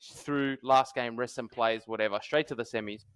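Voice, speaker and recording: A man's voice: mid-range voice, steady tone, moderate pace, a bit bright, smooth, dry recording. Aussie guy on a footy podcast, sweary and blokey, really dry close sound. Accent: Australian. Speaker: podcast co-host. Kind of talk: casual sports banter.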